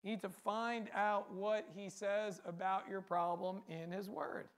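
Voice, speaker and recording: A man's voice: sits high, little pitch movement, unhurried. A man preaching a sermon, speaking earnestly in a repetitive cadence and often asking rhetorical questions.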